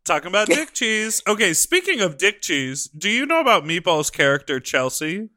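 A man hosts a casual conversation. His voice is on the high side and clearly bright, moving up and down in a lively way. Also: normal speed, dry recording, clean studio sound. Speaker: podcast host. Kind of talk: casual chat.

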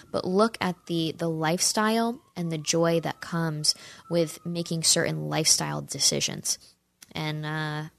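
A woman's voice: low voice, vocal fry, dry recording. A woman in her twenties giving an earnest, persuasive opinion talk and speaking straight to her viewers. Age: 20s. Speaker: commentator answering audience questions.

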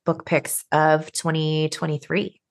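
A woman's voice: deep voice, monotone, slow, gravelly. A woman in her thirties co-hosting a podcast, chatting casually and laughing often. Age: 30s. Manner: friendly, laughing often, upbeat. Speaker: podcast co-host. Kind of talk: casual chat.

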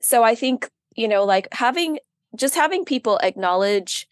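A woman's voice: on the high side, lively intonation, normal speed, no echo, clean studio sound. A woman from the United States, a guest on a podcast, talking casually with many fillers and earnest rambling. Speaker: guest, witchcraft practitioner. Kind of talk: casual interview chat.

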